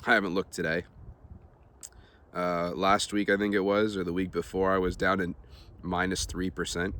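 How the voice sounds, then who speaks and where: A man vlogging in a relaxed, rambling way, with many ums and uhs, talking to his viewers. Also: low-pitched, slight background noise. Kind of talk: casual talk to camera.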